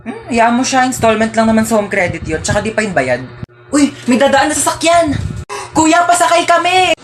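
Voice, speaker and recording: A woman's voice: on the high side, very animated, a little fast. A woman narrating and acting out comedic storytime skits in a playful, teasing way, with music playing behind.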